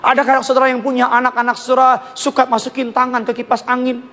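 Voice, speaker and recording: A male pastor with a notably high voice delivers a lively, joking sermon, drawing the congregation into call-and-response. He drops English phrases in among his preaching. The sound rings with the long reverb of a large church sanctuary. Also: quick pace.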